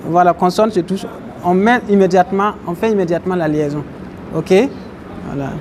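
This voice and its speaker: A man's voice: sits high, moderate pace, darkish tone, a little hiss or hum. A man teaching a religious class, explaining Arabic terms and questioning his listeners. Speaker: Islamic teacher. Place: mosque, faint outdoor traffic behind.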